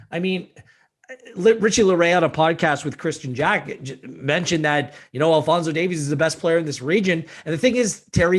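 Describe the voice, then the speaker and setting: A man hosting a casual sports podcast, talking with enthusiasm. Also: a little high. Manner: enthusiastic, excitable. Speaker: podcast host.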